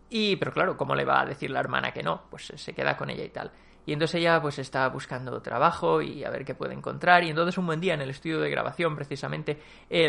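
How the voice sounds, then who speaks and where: A man from talks through a film in a loose, rambling way, full of fillers and restarts. His voice sits a bit high and has a gravelly, creaky edge. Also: a bit bright. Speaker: film reviewer. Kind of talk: casual spoken film review.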